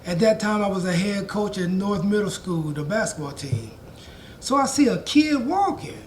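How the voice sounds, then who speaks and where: A man in his fifties hosting a podcast, telling stories in a relaxed way and acting out the dialogue. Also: sits high, normal speed, a little hiss or hum. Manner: storytelling, acts out quoted dialogue, relaxed. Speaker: podcast host. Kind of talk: conversational podcast interview.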